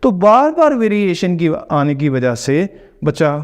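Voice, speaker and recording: Male teacher, slightly high, smooth resonant voice, patient and repetitive. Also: very animated, a little slow. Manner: patient, repetitive explaining, mixes English words into Hindi. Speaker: English pronunciation teacher. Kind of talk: explanatory lesson.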